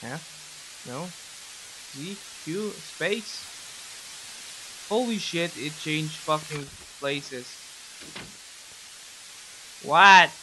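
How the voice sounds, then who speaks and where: A man's voice: a little high, expressive, very slow, pauses often. A young man commentating on his horror game playthrough, muttering and swearing to himself. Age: young adult. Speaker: gaming streamer. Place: indoors at a gaming desk. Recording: noticeable background hiss.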